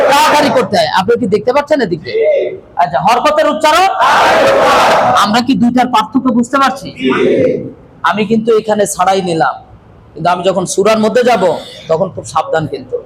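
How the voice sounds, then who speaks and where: A man teaches a classroom lesson, calling out questions and repeating answers to keep his students on track. He is recorded in a classroom with clear noise in the background. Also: high voice. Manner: loud, drilling questions at the class, often calling out. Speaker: Quran teacher.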